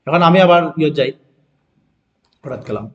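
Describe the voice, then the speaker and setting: A man teaching a design software class, repeating steps and often checking that his students follow along. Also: a little high, animated, moderate pace, highs cut off. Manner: keeps asking students if they follow; repeats steps and self-corrects. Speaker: design instructor. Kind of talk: screen-recorded software tutorial.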